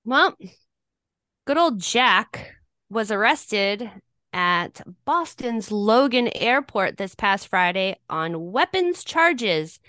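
A woman co-hosting a podcast, chatting playfully and laying out details of a news story. Her voice is smooth and clear. The recording is dry and close. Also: mid-range voice, sing-song, slow, bright, forceful tone, dry recording. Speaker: podcast co-host. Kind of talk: casual podcast banter.

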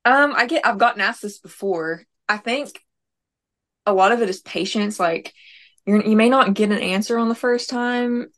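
A woman's voice: medium pitch, normal speed, a bit bright. A young woman, a nurse and prank caller, answering interview questions in a chatty way full of fillers. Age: young adult.

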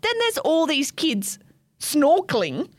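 A woman's voice: sits high, takes it slowly, dry recording. A young woman with an Australian accent, co-hosting a casual podcast chat, telling stories with lots of swearing and laughter. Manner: swears freely, laughs often, tells animated stories. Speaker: podcast co-host.

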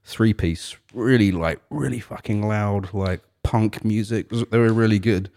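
A man's voice: on the low side, measured pace, a little mellow. A man co-hosting a casual podcast about music, rambling along with lots of "like" and "kind of thing". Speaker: podcast co-host.

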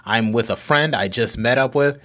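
A man's voice: medium pitch, normal speed, fairly bright tone. A young man hosting a podcast, chatting loosely and joking with plenty of swearing. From African family. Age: young adult. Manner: loose, joking, rambling with profanity. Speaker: podcast host. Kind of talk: casual chat.

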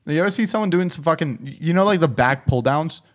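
Blunt, swearing young man, slightly high voice. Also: animated, brisk. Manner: blunt, profane, argumentative bro talk. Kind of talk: casual chat among friends.

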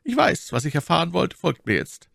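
A man's voice: a little high, huge pitch swings, a little fast, vocal fry, a bit bright, dry recording, studio quality, pitched above the performer's own voice, full character voice. A man reading an audiobook, voicing a scheming older male cardinal in a raised, lilting, coaxing voice. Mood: probing. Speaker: audiobook reader.

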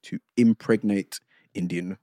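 A man's voice: deep voice, fairly even intonation, a little slow, warm tone. Chatty man hosting a podcast. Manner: loose, chatty, with filler ums. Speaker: podcast co-host. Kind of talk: casual chat and news segment.

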